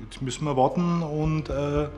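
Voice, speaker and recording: A man's voice: on the high side, steady tone, measured pace, darkish tone, faint music behind. A man in his forties who owns a restaurant, talking plainly and with relief. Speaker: restaurant owner. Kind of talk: casual interview. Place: restaurant dining room.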